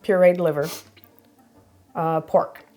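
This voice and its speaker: A woman's voice: on the low side, steady tone, takes it slowly, dark tone, soft background music. A woman hosting a food taste-test vlog, chatty and explaining each dish as she goes. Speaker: vlog host. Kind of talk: casual taste-test chat.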